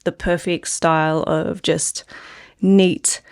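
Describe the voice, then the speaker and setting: This Australian knitwear designer, nursing a cold that makes her throat a little phlegmy, talks over knitting patterns in a loose, filler-heavy way. Her fairly low voice is slow, flat, smooth and a touch mellow, captured in clean studio sound with no room noise.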